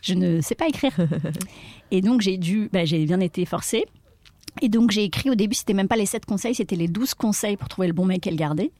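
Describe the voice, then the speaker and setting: A woman's voice: medium pitch, fast, dark tone, no echo. A woman in her thirties, an actress and comedian, chatting in an interview and laughing often as she acts out quoted lines. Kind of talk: casual interview conversation.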